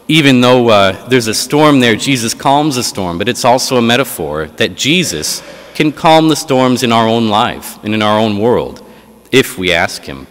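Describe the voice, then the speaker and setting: A man's voice: lowish voice, a bit bright. A man, a priest, reads the gospel and then preaches a homily with frequent filler sounds, his voice ringing in a large church. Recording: long church reverb.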